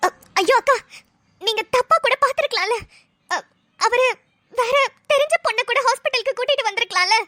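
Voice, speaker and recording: A woman's voice: extremely high pitch, normal speed, bright, forceful tone, dry recording, studio quality. A woman voicing an anxious young woman who pleads frantically in a cartoon. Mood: frantic. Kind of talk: dubbed cartoon voice acting.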